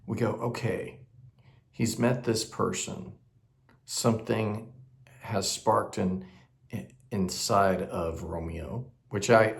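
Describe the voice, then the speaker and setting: A man coaching actors on auditions, speaking slowly with a low, gravelly voice. He talks loosely and conversationally, checking in with tag questions between thoughts. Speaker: acting coach. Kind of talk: teaching audition technique.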